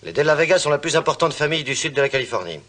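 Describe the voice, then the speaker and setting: An actor playing an anxious, scheming lawyer, a villain's accomplice, in a dubbed TV adventure. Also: male voice, fairly high pitch, sing-song, very fast, a bit bright. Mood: worried. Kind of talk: French-dubbed television adventure acting.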